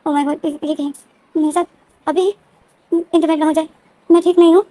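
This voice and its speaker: A woman's voice: sits high, flat delivery, normal speed, dark tone, no echo, voice pushed up, lightly acted. A woman voicing a flustered, defensive young man who is a new parent, protesting and pleading.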